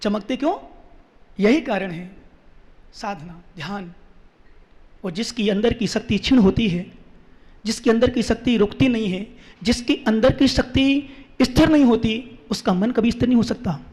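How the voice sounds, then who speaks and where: A man, a monk, giving a quick sermon and often asking the listeners questions. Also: high voice, a little mellow. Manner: quick-talking, questions the audience, teasing. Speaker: Jain monk. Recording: echoey hall.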